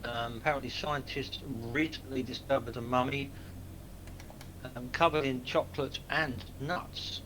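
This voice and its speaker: A man's voice: medium pitch, fairly even intonation, a little slow, pushed and bright, slight background noise, low-quality recording. A man on a group voice call, dropping dry joking trivia. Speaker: flight sim group member. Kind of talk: casual voice chat.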